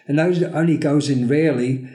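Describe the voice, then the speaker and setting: A man with a somewhat high, mellow voice tells a parable in a relaxed podcast conversation. He slows down to act out the characters' lines, and the room around him sounds echoey. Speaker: podcast co-host.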